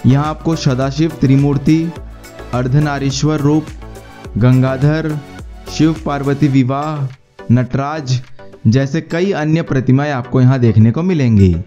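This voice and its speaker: A man narrating a travel guide in a steady, explanatory tone, mixing English words into his speech. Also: medium pitch, unhurried. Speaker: travel vlogger. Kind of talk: scripted voice-over narration. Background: faint background music.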